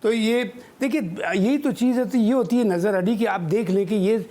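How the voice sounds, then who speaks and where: A man's voice: high-pitched, normal speed, mellow. An older man, a former chief selector giving emphatic studio cricket analysis and dropping in English phrases.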